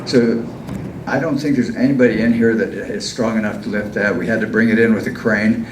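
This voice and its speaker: A man with a lowish voice hosts a live stage hypnosis show. He coaxes volunteers through suggestive instructions, step by step. The sound is distant and echoey, with clear background noise. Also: steady tone, a little fast. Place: large echoey indoor venue with audience. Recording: echoey hall from far off, noisy background.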